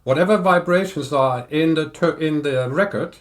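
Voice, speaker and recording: An older man in a casual podcast chat, explaining audio equipment in a measured, technical way. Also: fairly high pitch. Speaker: audio reviewer guest.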